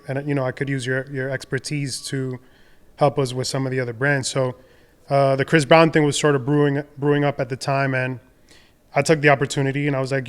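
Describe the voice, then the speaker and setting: A young adult man from the Dominican Republic, a podcast guest telling his career story in a relaxed, rambling way with many fillers and restarts. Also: medium pitch, clean tone. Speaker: podcast guest, designer and entrepreneur. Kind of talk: casual conversational storytelling.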